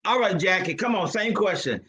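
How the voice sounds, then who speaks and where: A man's voice: high voice, expressive, a little fast, pushed and bright, slightly rough. A man moderating a church panel, playful and teasing as he talks. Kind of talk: casual church panel talk. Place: church event room.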